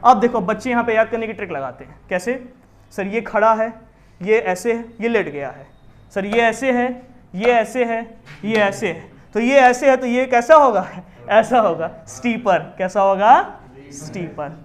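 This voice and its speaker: A man teaching a commerce class, explaining with lively questions to his students. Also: high voice, a little slow. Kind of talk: classroom lecture in Hindi with English terms.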